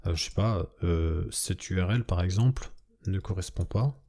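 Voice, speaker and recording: A man's voice: low-pitched, normal speed, warm tone. Man explaining code while typing. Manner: explains step by step, often asks "d'accord?"; thinks aloud while typing, trailing off. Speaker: coding instructor. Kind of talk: screencast coding tutorial.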